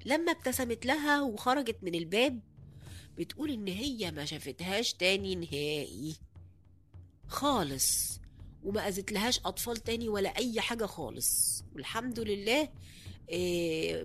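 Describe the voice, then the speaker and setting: A woman's voice: mid-range voice, fairly bright tone. A woman with an Egyptian Arabic accent telling a horror story in a casual, conversational way, with many hesitant fillers and restarts.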